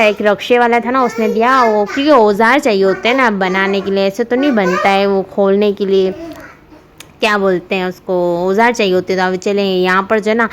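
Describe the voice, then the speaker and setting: A woman's voice: medium pitch, slight background noise. A young woman narrating her family vlog in a chatty voice-over, rambling with many fillers and giggling often. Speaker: family vlogger, mother.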